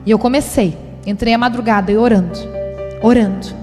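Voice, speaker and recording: A woman's voice: on the high side, a little fast, music in the background. A woman pastor in her thirties giving a sermon testimony, telling her story with animation and acting out her own thoughts. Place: church conference hall. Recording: live church recording with long hall reverb.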